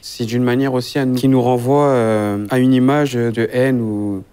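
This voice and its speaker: A man in his twenties from France, speaking in a measured way with many pauses in a casual group discussion. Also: medium pitch, steady tone, mellow, clean tone. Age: 20s. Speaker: discussion participant.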